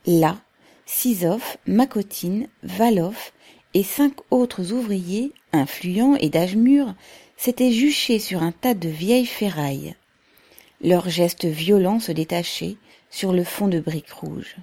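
A woman narrating a novel in a measured, unhurried reading. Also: fairly low pitch, mellow, breathy edge. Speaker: audiobook narrator.

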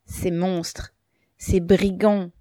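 A woman's voice: on the low side, little pitch movement, extremely slow, warm tone, no echo, clean studio sound. A woman voicing a firm, grieving middle-aged peasant mother with a raised, stern voice, read from a storybook.

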